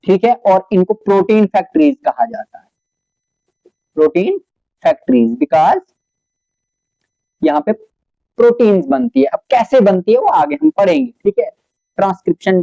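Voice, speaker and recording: Male biology teacher, question-and-answer lecture, mellow voice, dry muffled recording. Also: high-pitched, lively intonation, moderate pace, creaky, long pauses, no room sound. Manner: explains step by step, asks and answers his own questions, mixes in English terms. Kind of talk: classroom lecture at a whiteboard.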